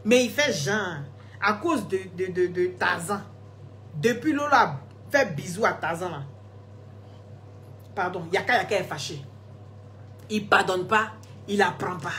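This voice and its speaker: Selling skin products on a casual live stream, a woman replies to viewers in a chatty, teasing way and laughs often. Recorded on a phone, her medium-pitched, slightly bright voice is unhurried, with long pauses and a little hiss or hum in the background.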